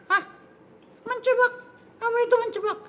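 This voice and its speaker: A puppeteer voicing Kobon, a cheeky, silly child puppet in a kids church show. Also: male voice, fairly even intonation, normal speed, sharp tone. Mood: playful. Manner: squeaky, playful, teasing.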